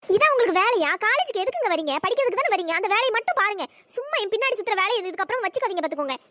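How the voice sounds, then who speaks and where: A performer doing a shrill, snappish young college woman. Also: sing-song, very fast, heavy background noise. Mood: irritated. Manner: scolding, exasperated. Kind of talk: cartoon storytelling dialogue.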